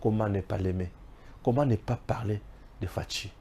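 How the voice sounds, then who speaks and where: A man from Congo giving impassioned political commentary, preachy and emphatic, swinging between loud exclamations and low asides. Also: moderate pace, slight background noise. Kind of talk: impassioned political talk mixing French and Lingala.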